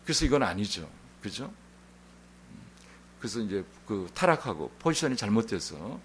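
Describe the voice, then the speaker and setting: A male pastor preaching a Sunday sermon in an animated, conversational storytelling manner. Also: low-pitched, a little hiss or hum. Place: church sanctuary.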